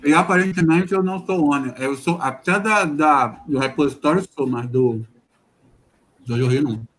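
A man's voice: fairly high pitch, normal speed, fairly bright tone, a little hiss or hum. A man casually explaining setup problems to fellow programmers on a video call, hesitating and restarting often. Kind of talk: casual online meeting chat. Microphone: home computer mic on video call.

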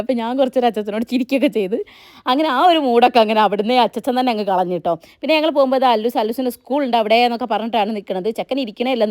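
Woman, thirties, rambling casual vlog chatter, very fast, dry sound. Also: fairly high pitch, a little mellow, dry recording. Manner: chatty, rambling, frequent "ttoo" tags. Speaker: vlogger. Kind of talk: casual family vlog narration.

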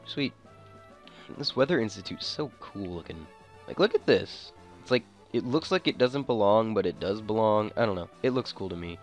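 Man, fairly low pitch, casual gameplay commentary, slangy, thinking aloud, game music behind. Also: expressive, moderate pace. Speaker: gamer commentating a playthrough. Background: video game music.

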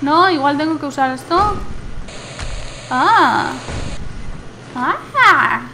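High, bright-voiced woman gamer. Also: takes it slowly, slight background noise. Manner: excitable, squeals and shouts at surprises, hums to herself. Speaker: gameplay commentator. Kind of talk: gameplay commentary.

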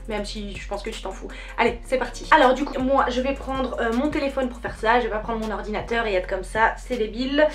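A young French woman hosting a dance channel, chatting casually and playfully with lots of fillers and self-mocking jokes. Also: sits high. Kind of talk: casual vlog chat.

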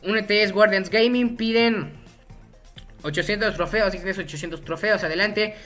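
A man's voice: high-pitched, moderate pace, fairly bright tone, faint music behind. A young man, a gaming YouTuber, giving casual gameplay commentary in a jokey, rambling way and getting easily frustrated.

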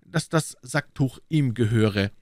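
A man voicing a proud, quick-tempered young male Gascon swordsman, talking with earnest, touchy insistence in an audiobook reading. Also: fairly high pitch, expressive, dry recording, clean studio sound, pitched above the performer's own voice. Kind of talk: audiobook character voice.

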